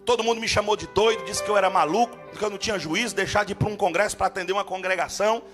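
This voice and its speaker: A man preaching a storytelling sermon as guest preacher at a church service, fervent and rising to shouts. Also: high-pitched, racing, over music.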